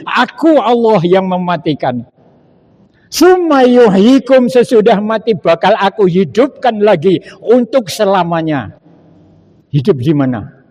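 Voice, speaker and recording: An older man with a Javanese accent delivers a sermon. He speaks slowly and deliberately, and his voice sits fairly high for a man. He tells stories and breaks into Arabic recitation. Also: a little mellow. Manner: slow storytelling, mixing Javanese phrases and Arabic recitation. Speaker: preacher.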